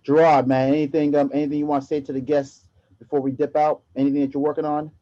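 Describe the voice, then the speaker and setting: Excitable male podcast host, mellow voice. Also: on the high side, fast. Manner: excitable, gets loud. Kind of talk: casual basketball chat. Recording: dull lo-fi audio.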